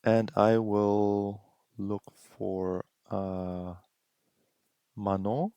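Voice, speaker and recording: A man with a low voice walks through a tutorial at a slow, unhurried pace, thinking aloud as he goes. He is close to the mic in a dry room. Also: level tone, mellow, no echo, highs cut off. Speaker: tutorial host. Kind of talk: screen-recording tutorial narration.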